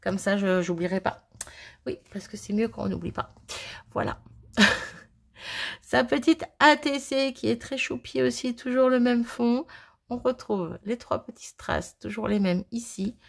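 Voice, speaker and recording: A woman's voice: on the high side, a little slow, vocal fry. A woman chatting to viewers as she unboxes craft mail, bubbly and self-mocking, gushing over each item. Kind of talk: casual chat to viewers. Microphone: phone.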